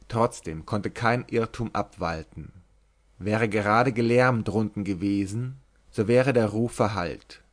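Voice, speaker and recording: A man reading a classic novel aloud in steady, measured literary narration. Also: lowish voice. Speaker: audiobook reader.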